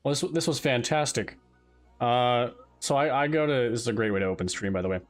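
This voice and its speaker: A man's voice: medium pitch, fairly quick, soft background music. A young man chatting on a live stream, telling a rambling story with frequent restarts and exasperated asides. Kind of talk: casual chat while live streaming.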